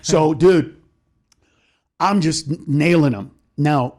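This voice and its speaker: A middle-aged male comedian, a podcast guest, telling a story in a rapid, profane way and acting out the voices in it. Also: a little high, a little mellow. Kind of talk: animated storytelling in a podcast chat.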